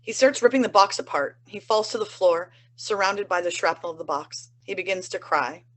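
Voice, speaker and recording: A woman's voice: medium pitch, moderate pace, fairly bright tone, poor audio. A woman reading stage directions evenly in an online play reading. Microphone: video call.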